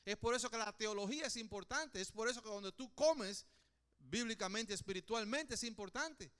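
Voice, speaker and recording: Male pastor, high bright crisp voice, animated sermon delivery, questions the congregation. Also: moderate pace.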